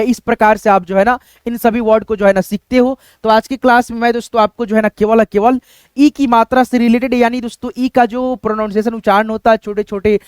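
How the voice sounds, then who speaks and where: A man's voice: very high voice, clear, resonant tone, dry recording, clean studio sound. A man teaching an online pronunciation lesson, spelling words letter by letter and often checking in with "friends" and "right?".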